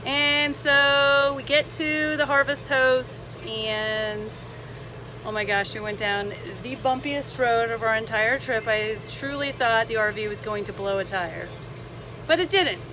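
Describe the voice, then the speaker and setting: A woman with a fairly high voice tells a casual travel vlog story. Her delivery is animated and chatty, with a sarcastic lilt of mock enthusiasm. Clear vehicle-like background noise sits behind her. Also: a little slow. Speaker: travel vlogger. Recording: noisy vehicle ambience behind voice.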